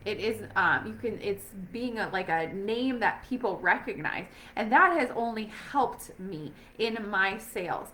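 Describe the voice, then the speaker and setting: A woman's voice: medium pitch, expressive, measured pace, few pauses, sharp tone, slight background noise. A woman talking casually and upbeat from home as a sales rep, with many fillers and restarts. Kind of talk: casual recruiting chat.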